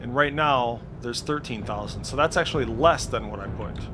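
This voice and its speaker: This tech video creator, a man with a mid-range voice, talks at a moderate pace through an informal screen-share walkthrough indoors at his computer. It's unscripted, so he hesitates, thinks aloud, and now and then lets slip a mild swear. Background noise can be heard.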